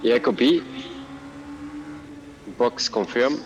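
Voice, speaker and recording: A man's voice: mid-range voice, drawn-out words, muffled recording, a little hiss or hum. A man working as race engineer, giving brief, clipped instructions over the race team radio.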